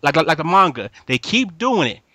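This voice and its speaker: A man hosts an anime review podcast in a casual fan chat, his fairly high, forceful voice swinging widely in pitch at a brisk pace. Emphatic and full of slang, he repeats his points and checks that he's understood. The recording is dry, with little room tone.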